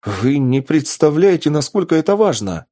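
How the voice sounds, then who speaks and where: A man's voice: fairly low pitch, expressive, slow pace, dark tone, breathy edge, dry recording, studio quality, exaggerated voice. A man doing a breathless, eager young lab assistant. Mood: excited.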